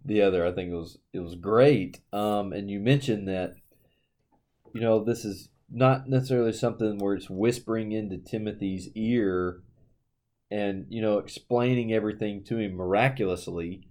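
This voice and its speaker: A man with a lowish, mellow voice speaks at a moderate pace as co-host of a casual Bible discussion. He talks earnestly and conversationally, dropping plenty of "you know"s.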